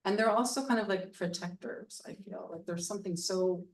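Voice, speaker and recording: Speaking at a normal speed with a medium-pitched voice, a woman artist guides an informal conversation in front of an event audience. She's full of ums and hesitation yet openly excited, and her voice is captured from well off the microphone.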